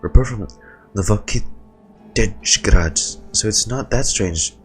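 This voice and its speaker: A man voicing an evasive young female thief, speaking in a deflecting way with his deep voice. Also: slow pace, soft background music.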